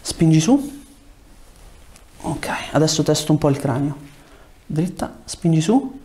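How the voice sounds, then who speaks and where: A man in his thirties, a chiropractor, speaks in a slightly high, warm voice, slow and expressive, with a bit of background noise. Recorded on a lapel mic in a small indoor treatment room, he explains things to a patient through short directive questions and prompts.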